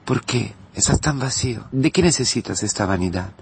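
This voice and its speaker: A priest preaching a sermon in Spanish, swinging between loud outbursts and hushed words and repeating phrases for emphasis. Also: male voice, medium pitch, lively intonation, normal speed, gravelly, slightly rough. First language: Italian.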